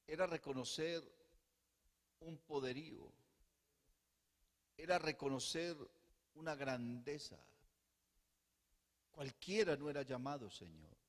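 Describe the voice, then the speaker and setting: A male pastor preaching a sermon, swinging between soft hushed passages and loud fervent bursts, with rhetorical repetition. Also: a little high, lively intonation, slow pace, long pauses. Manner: rhetorical repetition and calls of "hermano". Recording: long hall reverb.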